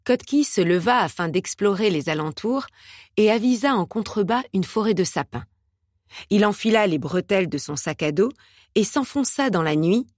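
A woman narrating an audiobook in a measured, steady reading style. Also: medium pitch, no room sound, studio quality.

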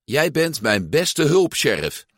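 A man's voice: fairly high pitch, very animated, slow, dry recording, clean studio sound, voice pushed up, heavily acted. A man reading a storybook aloud, voicing a brave toy cowboy sheriff doll whose pull-string lines are bold proclamations. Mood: proud.

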